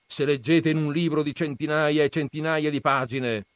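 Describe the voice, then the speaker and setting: A domineering old grandfather bellows his judgments, voiced by a male reader. The voice is raised and forceful, declaiming each line for the whole family. The recording is dry and close, with no room sound. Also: fairly high pitch, steady tone, moderate pace, no echo, voice pushed up, close to an everyday voice. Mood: blustering.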